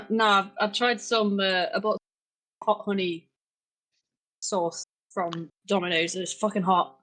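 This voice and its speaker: A woman's voice: medium pitch, level tone, unhurried, a bit bright, slight background noise. A woman chatting in a rambling way with friends. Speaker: player. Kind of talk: casual chat.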